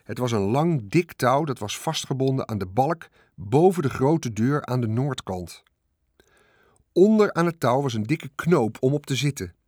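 A male narrator reads a children's storybook aloud at a measured pace, his voice swinging in pitch to follow the action expressively. The recording is dry and of studio quality.

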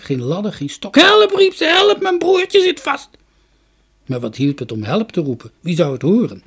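A man reading a children's story aloud in an expressive, dramatic way. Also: mid-range voice, slightly rough. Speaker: narrator.

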